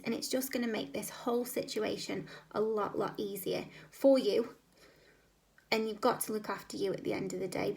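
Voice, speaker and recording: A woman fitness coach from the UK talking casually to camera in a squeaky voice, chatty and encouraging, often ending with tag questions. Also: vocal fry. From United Kingdom. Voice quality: squeaky, high voice. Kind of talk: casual vlog talk to camera.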